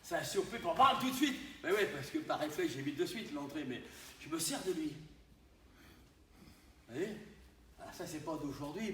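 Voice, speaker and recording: A karate instructor demonstrating moves to his students with a rather high voice, punctuating every point with an exclamation. He sounds far from the camera. The big training hall echoes heavily around him. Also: slight background noise. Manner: animated, punctuates with "hein?" and sudden exclamations. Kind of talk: live dojo teaching demonstration. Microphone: distant camera mic.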